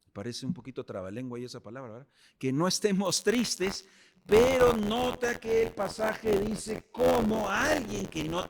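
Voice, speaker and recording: A man's voice: high voice, creaky, breathy edge. A man preaching a sermon as pastor, speaking directly to the congregation.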